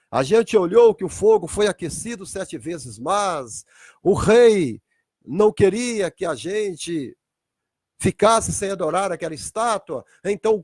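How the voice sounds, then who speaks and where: A man preacher voicing three young men, telling of their rescue in a raised, excited voice. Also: high-pitched, no room sound, studio quality.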